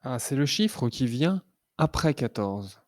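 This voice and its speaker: A man teaching children to read, sounding out syllables slowly and clearly. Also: medium pitch, very animated, no echo, clean studio sound. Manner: slow, clearly articulated syllables. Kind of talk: reading lesson for children.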